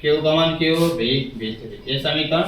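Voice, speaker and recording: A man's voice: on the high side, normal speed, a bit bright, slight background noise. A man teaching a physics class, who keeps asking his students questions and repeating the key words back to them. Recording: echoey room, mic far off.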